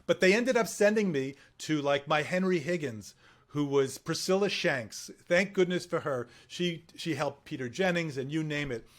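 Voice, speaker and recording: A man in a casual conversation, a medical correspondent who tells lively stories and laughs often. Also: fairly high pitch, normal speed. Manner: lively storyteller who acts out quoted voices.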